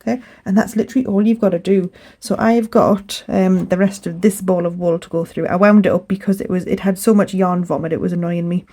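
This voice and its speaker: Mellow-voiced British woman chatting casually. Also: on the low side, brisk, hardly any pauses, poor audio. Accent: British English. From England. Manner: chatty, relaxed, rambling with fillers. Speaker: crochet vlogger. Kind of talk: casual tutorial chat. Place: home, indoors.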